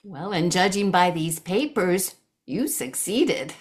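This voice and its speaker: A woman's voice: fairly low pitch, expressive, slow pace. A woman playing a chatty, meddling Tooth Fairy in an improvised comic scene, over a video call. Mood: nosy chatty. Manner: chatty, gossipy, nosy.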